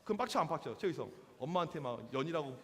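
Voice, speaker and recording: A man in his forties preaching to teenagers as a youth pastor, lively and slangy, acting out quotes in different voices. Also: fairly high pitch, fast. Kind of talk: sermon to teenagers. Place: church hall. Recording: long hall reverb.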